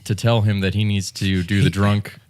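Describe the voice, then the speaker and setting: Deep-voiced young man teasing deadpan. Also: moderate pace. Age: young adult. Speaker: podcast co-host. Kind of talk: casual podcast banter.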